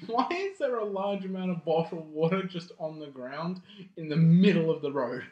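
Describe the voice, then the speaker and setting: A man's voice: a little high, expressive, normal speed, echoey room, highs cut off. A young man casually riffing on a bad movie, swearing freely and talking while snacking, with lots of "like" and "um".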